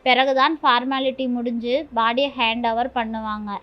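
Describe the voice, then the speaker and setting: A woman voicing a brisk, matter-of-fact hospital nurse who speaks bluntly in a storybook reading. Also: a little high, steady tone, lightly acted. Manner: blunt and businesslike. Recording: dull lo-fi with faint music.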